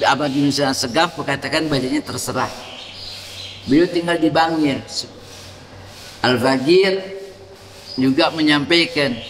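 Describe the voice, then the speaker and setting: Preacher in an echoey mosque hall. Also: male voice, on the high side, fairly bright tone, slight background noise. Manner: demonstrating prayer gestures, teaching a chant for the congregation to repeat. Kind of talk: mosque sermon. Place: mosque during dawn congregation.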